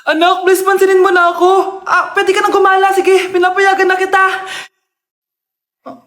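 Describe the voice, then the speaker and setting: A woman's voice: very high-pitched, completely flat delivery, normal speed, fairly bright tone, echoey room. A woman acting out several roles in a comedy skit, such as a scolding mother.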